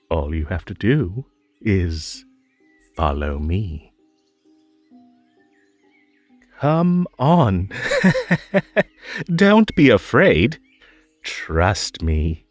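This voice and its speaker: A man's voice: deep voice, a little mellow, no room sound, heavily acted. A man playing a whimsical, lonely and possessive magical rabbit host in a roleplay audio drama, coaxing theatrically with stammers and nervous giggles.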